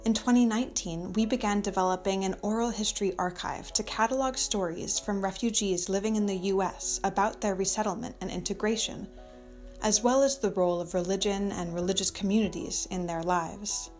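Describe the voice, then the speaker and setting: A woman reading a scripted narration in a measured, formal way. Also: mid-range voice, steady tone, darkish tone. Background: faint background music.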